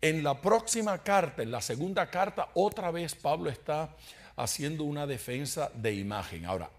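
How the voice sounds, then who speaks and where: A man's voice: on the high side, expressive, moderate pace. A man teaching a Bible study in sermon style, asking the congregation rhetorical questions and adding humorous asides. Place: church.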